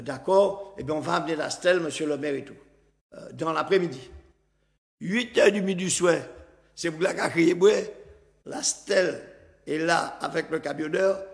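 Man, mayor guest, gravelly, fairly high voice, lively storytelling, long reverb. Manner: lively storyteller who acts out other people's lines and laughs often. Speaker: mayor as talk show guest. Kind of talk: animated anecdote telling.

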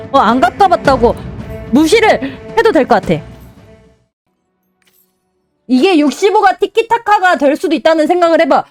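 A young woman streaming a game, commentating excitedly, cheering herself on and mock-calming herself. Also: sits high, dry recording, studio quality. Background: game music.

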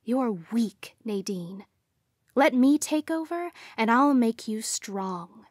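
A woman's voice: on the high side, animated, slow pace, no room sound, studio quality. A woman doing a sneering, menacing female doppelganger. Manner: taunting, hissing some words.

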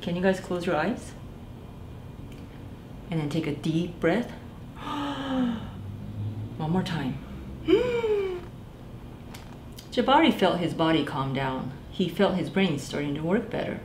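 This is a children's storytime read-aloud by a woman librarian in her thirties, her voice sitting low, slow and full of pauses. She animates the picture book by voicing characters and speaking right to the children. It's recorded in a small, echoey library room with faint noise behind her.

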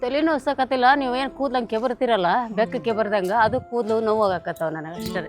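An actress from North Karnataka playing an unfaithful wife who coaxes and pleads, in a village comedy skit, over background music. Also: female voice, fairly high pitch, fast, close to an everyday voice. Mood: flirty. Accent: North Karnataka Kannada. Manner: pleading, repeating herself.

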